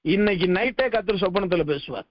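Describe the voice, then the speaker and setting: A man's voice: sits high, animated, a little fast, highs cut off. A male pastor preaching a sermon, exhorting listeners as his intensity rises and falls.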